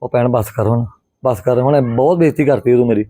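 A remorseful brother pleads with his angry sister in a quick, mellow voice, voiced by a man. The sound is close and dry. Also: mid-range voice, no room sound, natural voice. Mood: pleading. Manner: pleading, placating. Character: apologetic younger brother, pleading.

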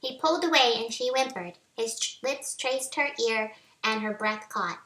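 Pitched fairly high from helium, a middle-aged woman reads from her own romance novel at a moderate pace with a sharp tone. She is indoors in a small home office, captured by a webcam held at arm's length, with noticeable room echo.

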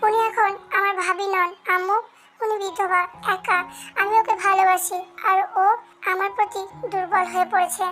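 A man's voice: very high-pitched, flat delivery, normal speed, bright, forceful tone, faint music behind. A woman voicing a young man in love, tender and pleading. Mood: earnest.

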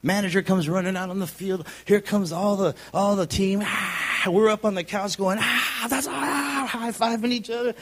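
A man from California in his fifties preaching a sermon with personal testimony, moving from quiet, low storytelling to shouted preaching. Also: steady tone, moderate pace, hardly any pauses, slight background noise.

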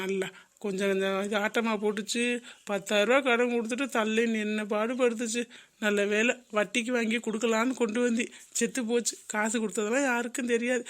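A woman's voice: a little high, close to an everyday voice. A woman voicing a greedy, gossipy neighbor in a cartoon comedy. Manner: gossipy, scheming.

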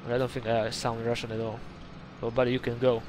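A young gaming YouTuber with a Slovak accent rambles casually through let's-play commentary of a farming game, chatty, laughing and swearing mildly. His voice is medium-pitched, level and a little fast. Game sounds and engine noise run behind him.

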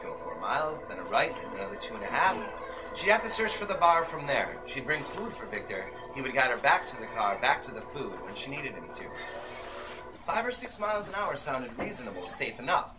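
A middle-aged man with a mid-range voice reads from his own novel in a tense, deliberate style reminiscent of an old-time radio play. He's performing for a seated audience in a small bookshop while a violin plays behind him. An audience member's camera captured it from a few metres away, so the live-room recording sounds rough.

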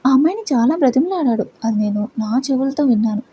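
A woman reading a shy, gentle young wife. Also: high voice, animated, fast talker, highs cut off, slight background noise. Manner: soft, soothing.

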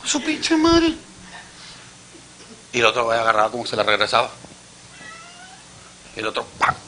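A man's voice: medium pitch, wildly swooping pitch, normal speed, bright, forceful tone, a little hiss or hum. A man with a Mexican Spanish accent telling crude jokes in a casual storytelling style, acting out each character in his story. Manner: crude slang, acts out every character.

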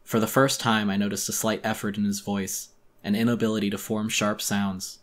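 A man's voice: lowish voice, flat delivery, moderate pace, fairly bright tone. A man reading a horror story aloud as a dramatic audiobook, with tense, suspenseful narration.

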